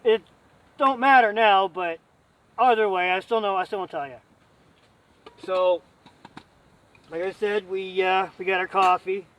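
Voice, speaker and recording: High-pitched man, folksy camping vlog host. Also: fairly even intonation, measured pace, pauses often, a bit bright, far from the mic, low-quality recording. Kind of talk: casual chat to camera with a friend.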